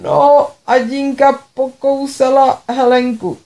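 A woman's voice: on the high side, a little mellow, pitched above the performer's own voice, close to an everyday voice. A woman voicing a tearful, reproachful middle-aged mother with an accusing, whiny manner.

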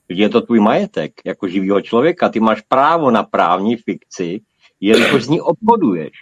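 A man on a panel chat, calmly insistent and lecturing. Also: medium pitch, husky, dry recording, muffled recording. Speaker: panel guest.

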